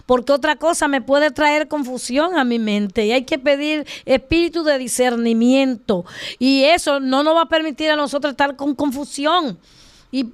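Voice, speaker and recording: High-voiced woman teaching with emphasis. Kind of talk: casual faith discussion.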